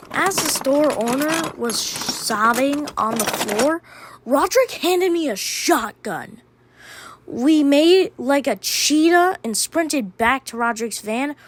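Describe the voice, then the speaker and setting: A woman with a high voice narrates a first-person diary story at a slow, unhurried pace. Her delivery is deadpan, letting each wild turn land flat.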